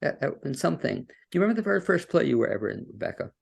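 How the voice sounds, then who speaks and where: Over a video call from his home studio, a man hosts an interview podcast in a folksy, rambling manner, with fillers and restarts. His mid-range voice is creaky and swings widely in pitch, and he speaks very fast.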